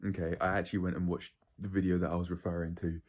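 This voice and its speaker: A man's voice: low-pitched, little pitch movement, fast, noisy background. A man giving a casual, opinionated monologue to viewers, rambling and blunt, with some swearing. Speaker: video creator.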